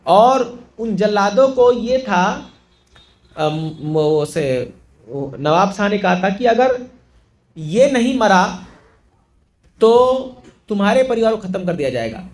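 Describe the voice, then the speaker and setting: A man preaching to a congregation, telling a story in an animated way and acting out the characters' lines. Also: high voice, slow pace, pauses often. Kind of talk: storytelling sermon.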